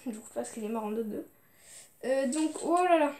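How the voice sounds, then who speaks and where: A woman's voice: sits high, lively intonation, moderate pace, background noise. A young woman chatting casually as she shows her video game collection, hesitant, with many fillers and restarts. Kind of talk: casual unboxing chat.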